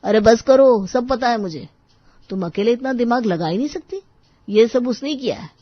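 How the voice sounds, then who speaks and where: A woman's voice: lowish voice, fairly quick, slightly rough, dry recording. A woman voicing a worried, grumbling young husband who runs a tea stall in a cartoon, scolding his wife. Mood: angry. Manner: scolding, complaining. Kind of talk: cartoon voice acting. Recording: dull dry studio voice-over.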